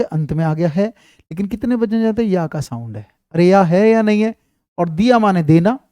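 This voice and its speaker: A man teaching Hindi grammar in an online class, slowly repeating example sentences and speaking into a clip-on mic. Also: sits high, dark tone, dry recording, studio quality.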